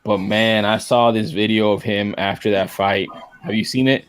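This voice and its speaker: A podcast co-host with a voice on the low side talks about fights at a moderate pace, his tone clean. He is animated, says "man" and "dude" a lot and acts out quotes as he chats casually.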